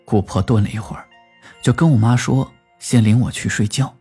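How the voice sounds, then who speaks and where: A man narrating a first-person rural horror story in a lively storytelling manner, lifting his voice for the quoted lines. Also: lowish voice, normal speed, breathy edge, soft background music.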